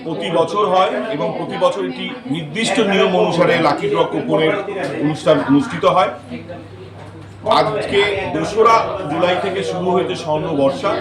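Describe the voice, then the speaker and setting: A man's voice: high voice, normal speed. A man giving an unscripted statement as a store representative at an event, speaking phrase by phrase. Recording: echoey room with loud crowd. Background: crowd chatter.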